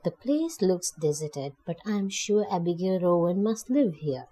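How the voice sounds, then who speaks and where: A woman voicing a young girl detective who speaks in a brisk, reassuring manner. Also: lowish voice, lively intonation, mellow, husky. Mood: musing.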